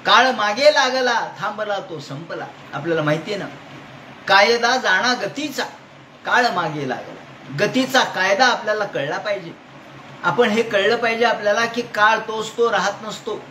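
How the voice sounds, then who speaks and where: A man's voice: high voice, sharp tone. A man giving a devotional scripture discourse, chanting verses and then explaining them while he asks his listeners questions. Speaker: Bhagavata discourse speaker. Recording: echoey hall with faint noise.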